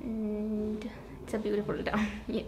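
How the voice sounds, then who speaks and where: Slow, flat-voiced teen girl from Sri Lanka. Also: medium pitch, slight background noise, low-quality recording. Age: teens. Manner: slow, simple phrasing. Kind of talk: interview.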